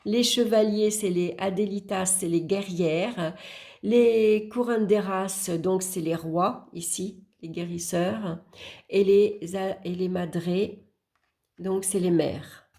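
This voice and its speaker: A woman presenting a tarot deck, unhurriedly naming the cards as she flips through them with small hesitations. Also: mid-range voice. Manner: unhurried, murmuring card names while flipping, with small hesitations; warm, admiring remarks about the artwork. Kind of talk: casual deck walkthrough.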